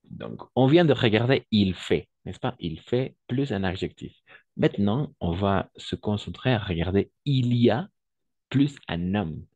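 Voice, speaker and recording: A man's voice: on the low side, animated, a little slow, a little mellow, husky, no room sound, lo-fi sound. A man teaching a French lesson online, patiently repeating examples and often checking that his students follow.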